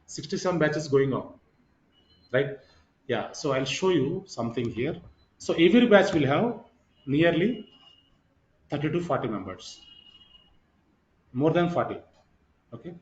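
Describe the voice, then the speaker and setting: A man's voice: a little high, lively intonation, normal speed, pauses often. A man giving an informal online lecture as a course trainer, repeating himself and checking in with "right" and "okay". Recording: roomy echo, slightly muffled sound.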